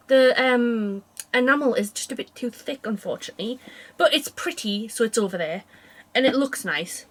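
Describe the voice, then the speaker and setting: A woman chatting casually to camera as a craft vlogger, rambling along with frequent self-interrupting asides. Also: fairly high pitch. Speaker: cross-stitch vlogger.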